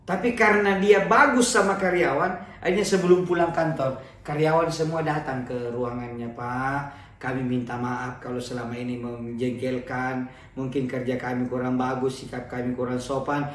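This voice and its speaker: A man preaching a Ramadan sermon as a story, acting out the characters in animated voices. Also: medium pitch, moderate pace. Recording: echoey, from far off.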